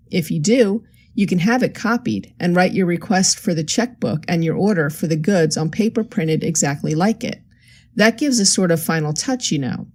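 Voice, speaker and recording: A cheerful, scheming young forger who is pleased with her own cleverness, voiced by a woman narrator. She talks with confident, faintly superior breeziness in a slightly low, warm register, as in a read-aloud crime story. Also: close to an everyday voice.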